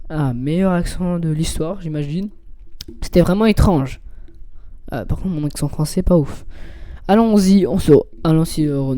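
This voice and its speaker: A man's voice: a little high, warm tone, no room sound. A young man giving casual, rambling commentary while playing a video game, reading game text aloud. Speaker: gaming youtuber.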